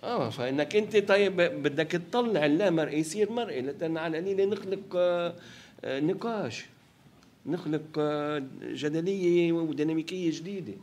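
A man with a Palestinian Levantine Arabic accent giving a reflective interview, halting as he searches for words and checking that the listener follows. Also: on the high side, a little mellow, a little hiss or hum. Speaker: interviewed film director.

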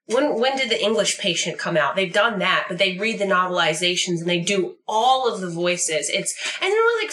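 Bright, playful woman co-host. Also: medium pitch, rough recording. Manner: playful, rambling, laughs easily. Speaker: podcast co-host. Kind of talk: casual comedic banter.

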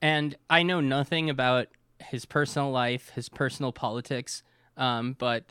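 A man's voice: mid-range voice, steady tone, normal speed, pushed and bright, smooth, dry recording, studio quality. A man hosting a casual sports podcast, talking bluntly and sarcastically and swearing freely. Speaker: podcast host.

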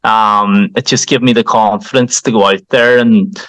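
A man's voice: on the low side, fairly even intonation, moderate pace, fairly bright tone, no echo. A young man from County Donegal with a Donegal Irish accent, chatting informally as an interview guest and peppering his talk with "like" and "you know". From County Donegal, Ireland. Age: young adult. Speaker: podcast guest, country singer. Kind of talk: casual interview chat.

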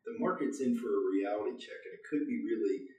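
A man's voice: on the low side, lively intonation, fast, darkish tone, lo-fi sound. A man co-hosting with casual market commentary in a colloquial, punchy way. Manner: colloquial, punchy, addresses listeners as folks and man. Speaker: podcast co-host. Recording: echoey room, distant from mic.

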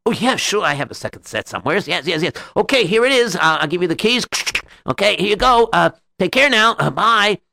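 A man's voice: high voice, very animated, a little fast, gravelly, bright, forceful tone, dry recording, pitched above the performer's own voice, full character voice. A man voicing a kind, trusting young man who stammers and hesitates as he talks. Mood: flustered.

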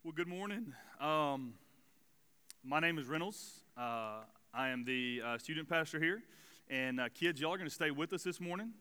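A man, a student pastor preaching a sermon in a conversational, relaxed way with many fillers. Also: on the high side, moderate pace, clean tone. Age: 40s. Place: church sanctuary. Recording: long hall reverb of a church.

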